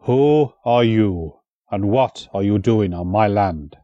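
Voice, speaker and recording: A man's voice: lowish voice, takes it slowly, dark tone, no echo, muffled recording. A man voicing a menacing, mocking Welsh warlord prince with a Welsh accent and a taunting manner. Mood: sneering. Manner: sneering, taunting.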